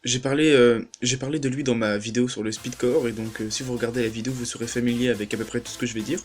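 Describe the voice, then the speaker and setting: A man's voice: medium pitch, steady tone, fast talker. A young man hosting a casual spoken album review, chatty and enthusiastic, with lots of "euh" fillers. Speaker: music reviewer, channel host.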